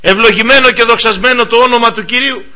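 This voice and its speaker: A man's voice: very high voice, pushed and bright. A man preaching a sermon, earnestly exhorting and speaking straight to each listener.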